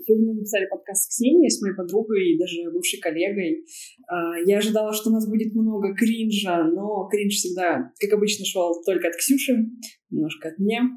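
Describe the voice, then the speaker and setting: A woman's voice: medium pitch, a little fast, darkish tone, low-quality recording. A woman podcast co-host giving an informal spoken introduction to the show.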